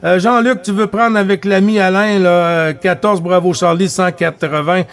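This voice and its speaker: A man from Quebec, Canada, speaks with a Quebec French accent while running a contact net as a CB radio operator. His voice is high-pitched with a steady tone and normal speed, and he chats in a casual, rambling, repetitive and colloquial way.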